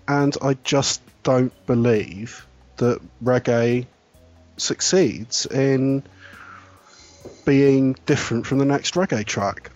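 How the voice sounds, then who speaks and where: A man's voice: medium pitch, darkish tone, muffled recording. Opinionated man arguing on a podcast. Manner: opinionated, argumentative, laughs. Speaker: regular panelist. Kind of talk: casual opinionated chat.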